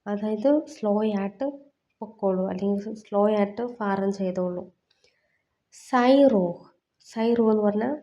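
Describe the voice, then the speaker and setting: A woman teaching a lesson, slow and deliberate. She says each phrase twice, then stops to explain what it means. Her voice is mellow and warm, at a middling pitch. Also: lo-fi sound. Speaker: language teacher. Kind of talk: explaining in Malayalam.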